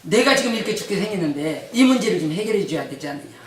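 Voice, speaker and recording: A man's voice: high voice, animated, fast talker, crowd noise. A pastor acting out a desperate man begging for his life, in an echoey church. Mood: pleading. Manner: begging, pleading. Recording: echoey church hall, mic from a distance.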